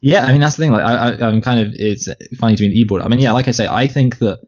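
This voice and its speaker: A man's voice: mid-range voice, racing, a little mellow. A man co-hosting a movie podcast in casual chat, rambling with many restarts and fillers. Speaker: podcast co-host. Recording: dull lo-fi podcast audio.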